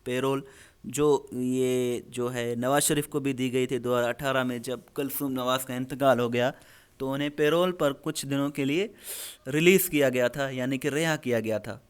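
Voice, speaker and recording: A man, explaining an English lesson step by step and slowing down on the English examples. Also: medium pitch, steady tone, clear, resonant tone. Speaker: English teacher.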